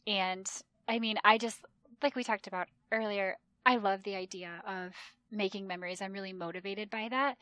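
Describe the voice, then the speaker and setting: A woman in her thirties, a travel agent, chatting animatedly as a podcast guest. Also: mid-range voice. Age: 30s. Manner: chatty and animated, mimics voices in retold quotes. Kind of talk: casual conversational interview.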